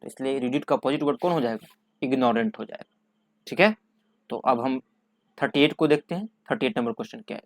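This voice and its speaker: A man's voice: medium pitch, dry recording, clean studio sound. A male English teacher explains exam vocabulary, asking questions and answering them himself, repeating key words. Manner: repetitive, asks and answers his own questions.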